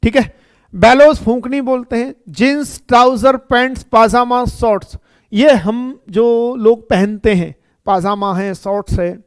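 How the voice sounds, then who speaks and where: High-voiced man teaching grammar. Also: clean tone, dry recording. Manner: explains slowly and repeats, often checking with "ठीक है" and "है ना". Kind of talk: classroom lecture.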